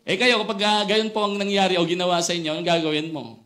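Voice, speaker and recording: Man, pastor, storytelling sermon, animated, mixes in English, hushed asides and loud bursts. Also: sits high, fast.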